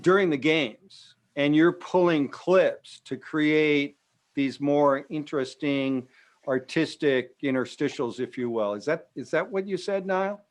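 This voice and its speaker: A man's voice: a little high, a little slow. Man asking friendly follow-up questions. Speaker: audience member asking questions. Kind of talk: casual Q&A questions.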